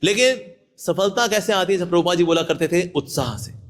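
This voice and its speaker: Lively high-voiced monk preaching. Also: male voice, moderate pace. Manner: lively, acts out people with sudden voice shifts. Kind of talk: devotional talk to devotees.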